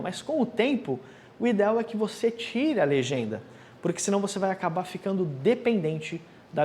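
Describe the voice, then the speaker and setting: Man teaching with lively pitch. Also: a little hiss or hum. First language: Portuguese. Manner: explains slowly, repeats phrases with exaggerated articulation. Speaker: Italian teacher. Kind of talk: language lesson, modeling pronunciation for repetition.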